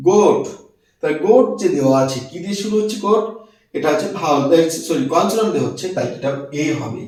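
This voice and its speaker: A man teaching a lesson, his fairly high voice set back from the mic in a very echoey room. He poses questions and answers them himself, drawing out and repeating each word. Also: darkish tone, recorded from a distance. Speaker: English teacher. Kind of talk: classroom-style grammar lesson.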